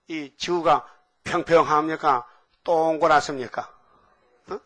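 Animated high-voiced older male preacher. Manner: animated, asks the audience questions. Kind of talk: sermon.

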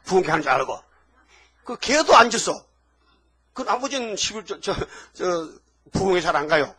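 A man's voice: sits high, big pitch swings, moderate pace, pushed and bright, husky. A man preaching a sermon in an emphatic, colloquial way, telling stories and constantly prodding the congregation with rhetorical questions. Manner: colloquial storytelling with laughs. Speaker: pastor.

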